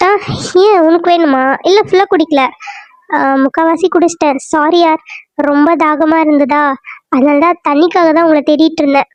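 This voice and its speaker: Cartoon serial: woman voicing a chatty, carefree young woman with a high voice and a dry take. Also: fairly even intonation, normal speed, darkish tone, no echo, dull audio, natural voice. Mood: bubbly. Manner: chatty, bubbly.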